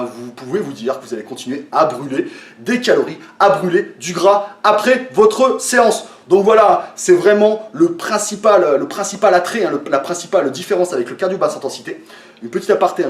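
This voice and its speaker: A man explaining a training method to his viewers in a casual way, with lots of fillers and restarts, a little tired. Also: a little high. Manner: hesitant, many fillers and restarts, addresses viewers as friends. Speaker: fitness coach. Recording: echoey room, from a distance.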